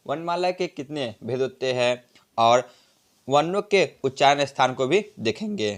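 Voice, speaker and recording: A man teaching a grammar lesson, repeating each point and drawing out vowel sounds as examples. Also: mid-range voice. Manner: repeats points, tag "ठीक है ना" often.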